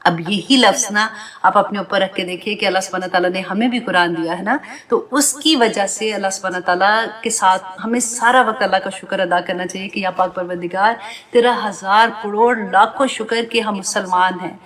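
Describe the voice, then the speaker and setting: A woman's voice: medium pitch, fairly bright tone. A woman with a mid-range voice teaches a scripture class. She moves through verses phrase by phrase, translating each one before explaining it with earnest, direct appeals to her students. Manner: addresses listeners directly, often adding tag questions. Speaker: Quran teacher. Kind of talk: Quran commentary lesson to a class.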